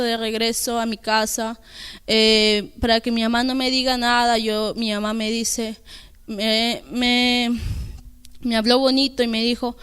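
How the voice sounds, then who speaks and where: A young woman giving an earnest, halting personal testimony at church, with many restarts. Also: fairly high pitch, fairly bright tone, smooth. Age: young adult.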